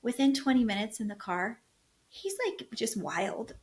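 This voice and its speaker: Chatty mom with a bright voice. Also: female voice, a little high, measured pace. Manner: chatty, animated storytelling, acts out her kids' voices. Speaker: podcast host and health coach. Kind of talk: casual solo podcast talk.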